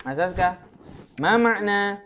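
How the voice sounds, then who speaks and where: Slow, animated teacher. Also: male voice, high-pitched. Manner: patient, quizzing students by name, switching between Arabic and Indonesian. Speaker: Arabic teacher. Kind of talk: classroom language lesson.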